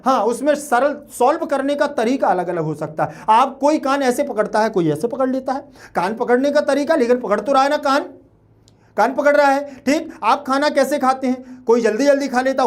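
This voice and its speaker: A man teaching a grammar lesson in a class video. He explains patiently, repeats his points, checks in with the students often and uses everyday comparisons. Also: very high-pitched.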